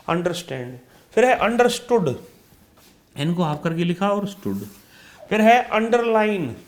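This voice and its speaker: A man with an Indian accent teaching a shorthand class. He calls out each word loudly, then explains it more quietly, and addresses his students as children. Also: high-pitched. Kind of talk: classroom lesson explaining steps.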